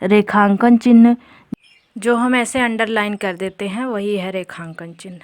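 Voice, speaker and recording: A woman's voice: medium pitch, fairly even intonation, measured pace, dry recording. Woman teaching an exam-prep grammar lesson. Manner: explains step by step, addresses viewers as friends.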